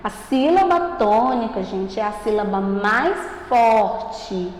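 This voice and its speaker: A Brazilian woman teaching a recorded lesson to young children, speaking slowly and stressing each syllable, asking the class questions and answering them herself. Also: medium pitch, expressive, a little hiss or hum. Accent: Brazilian Portuguese. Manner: slow, emphatic, stretches out syllables. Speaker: primary school teacher. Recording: echoey room with long reverb.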